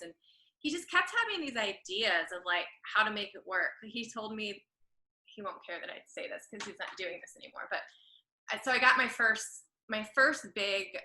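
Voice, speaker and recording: A florist and creative director, appearing as a podcast guest, tells a long story in a chatty, rambling way, correcting herself as she goes. Her medium-pitched voice has a sharp tone, and the audio is poor and echoey.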